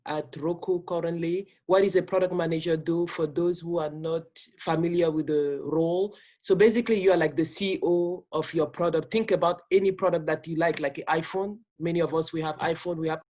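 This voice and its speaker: Panelist, male, high pitch, halting speech with repeated words, video call audio. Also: fairly even intonation, darkish tone. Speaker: panelist, product manager.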